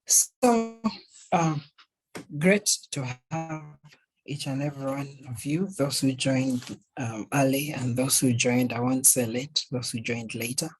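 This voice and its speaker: A man's voice: mid-range voice, slow, soft background music, rough recording. A man moderating an online panel discussion, hesitant and full of fillers as he introduces speakers.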